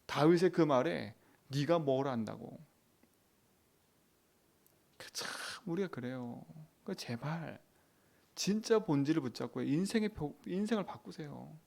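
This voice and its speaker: A man preaching a dawn prayer sermon as pastor, asking the congregation questions, swinging from loud emphatic lines to quiet asides. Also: on the high side, lively intonation, normal speed, vocal fry.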